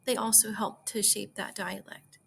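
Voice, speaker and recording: A woman's voice: medium pitch, little pitch movement, moderate pace, vocal fry, a bit bright, slight background noise. A young woman student giving an informative class presentation outdoors, with frequent ums. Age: young adult.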